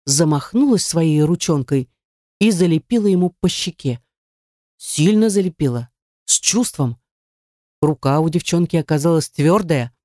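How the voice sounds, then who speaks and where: Expressive audiobook narrator, dry sound. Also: mid-range voice, no room sound. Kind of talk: scripted narration of a romance novel.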